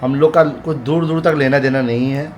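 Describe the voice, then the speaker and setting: A man talks straight to his viewers in a casual home vlog. His tone is firm and pleading, and he circles back over the same warnings. Faint room noise sits behind his mid-pitched voice. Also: steady tone, normal speed. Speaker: vlogger. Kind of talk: casual talk to camera.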